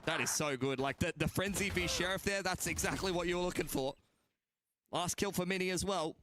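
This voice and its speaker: Man casting esports, fairly high voice. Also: fairly quick, noisy background. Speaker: esports caster. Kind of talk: live esports commentary and analysis.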